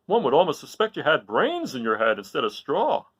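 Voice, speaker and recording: A man acts out a big male lion from a children's storybook. He is timid at heart yet brave, with dramatic, drawn-out emphasis and a very lively, swooping pitch. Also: breathy edge, full character voice. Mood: impressed.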